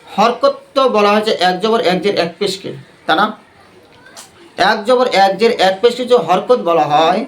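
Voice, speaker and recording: A man's voice: high voice, a bit bright. A man teaching a Quran recitation class, quizzing the class with repeated questions and leading call-and-response.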